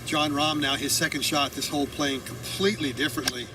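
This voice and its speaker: Male on-course golf commentator, slightly high voice, distant, noisy outdoor sound. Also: steady tone, brisk.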